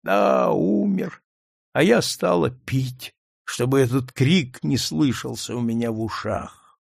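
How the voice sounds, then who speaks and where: A man voicing a bitter old woman who drinks, speaking in a slow, wailing, defiant way. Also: extremely low pitch, vocal fry, a little mellow, slightly rough, no echo, clean studio sound, full character voice. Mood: bitter despair.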